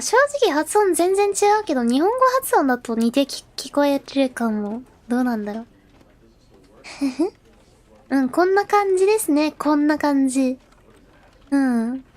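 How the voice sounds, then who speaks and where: While setting up her stream, a VTuber woman talks to herself in a chatty, filler-heavy way, later translating the game's narration aloud. She has a high voice with a darkish tone.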